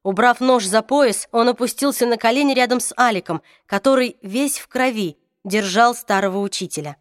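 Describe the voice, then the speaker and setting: A woman reading a fantasy audiobook with expressive, dramatic narration, voicing each character. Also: a little high, moderate pace, dry recording, studio quality. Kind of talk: scripted narration.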